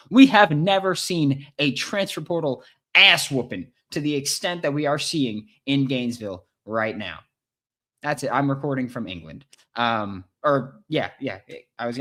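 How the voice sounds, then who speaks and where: A man hosting a live sports podcast, talking in an excitable, hype-driven way and repeating lines for emphasis. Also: medium pitch. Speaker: podcast host. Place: recording in England.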